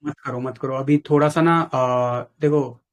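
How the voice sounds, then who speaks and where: A man's voice: medium pitch, fairly even intonation, measured pace. A man talking as a trading mentor with a caller, casual and blunt, dropping in phrases. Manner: blunt, advising, mixes in English phrases. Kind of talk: casual live chat with a caller.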